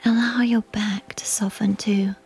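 Slow whispering woman with soft music. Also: medium pitch, level tone, husky. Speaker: meditation guide. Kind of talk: whispered guided sleep meditation.

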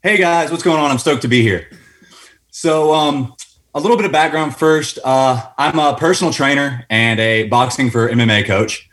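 A man's voice: mid-range voice, normal speed, fairly bright tone. A man from North Carolina calling in to a show, laying out his background in an eager, casual way before asking a long question. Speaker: caller to a call-in fitness show. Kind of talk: call-in question, casual and detailed.

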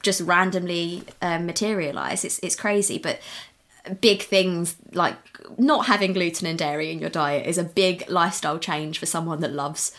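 A woman in her twenties, a new mum talking openly and with animation as a podcast guest. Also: on the low side. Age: 20s. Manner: open, animated, quick with asides. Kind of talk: candid interview chat.

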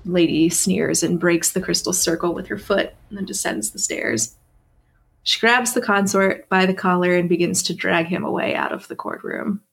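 A woman's voice: lowish voice, fairly even intonation, normal speed, creaky, slightly rough. A woman narrating as game master of a tabletop role-playing game.

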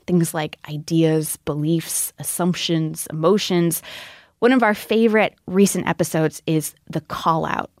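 A woman's voice: on the low side, a little mellow, dry recording, clean studio sound. A woman podcast host reading a promo for another show in a friendly, direct way.

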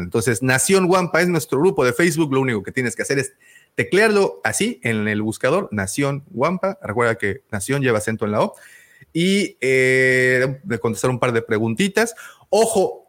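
A man's voice: mid-range voice, expressive, moderate pace, fairly bright tone. A man with a Mexican Spanish accent hosting a casual podcast, talking in a rambling way full of fillers and restarts. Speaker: podcast host.

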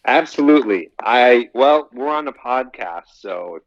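Here the dating coach, a man in his 30s on a podcast, sounds animated yet unhurried at a medium pitch. He chats casually and goes on at length, frequently repeating his phrasing. No room sound comes through, and the recording is dull, dry, and slightly lo-fi.

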